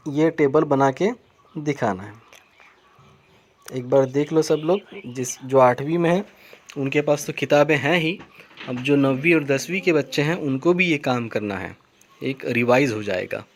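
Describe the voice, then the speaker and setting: Slow, patient man teaching grammar. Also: medium pitch. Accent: Indian English. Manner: explains patiently, repeats key words, reads English rules slowly. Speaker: school teacher. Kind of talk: recorded grammar lesson over slides.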